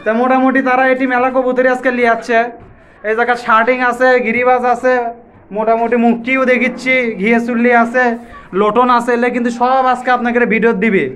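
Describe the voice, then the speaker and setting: A man's voice: very high-pitched, level tone, fairly bright tone, clear, resonant tone. A man from Bangladesh with a Bogura regional accent, a vlogger questioning a seller in a casual chat. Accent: Bogura regional Bengali. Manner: rapid-fire, repetitive questioning. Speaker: vlogger at a pigeon market. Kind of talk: casual vlog interview with a seller.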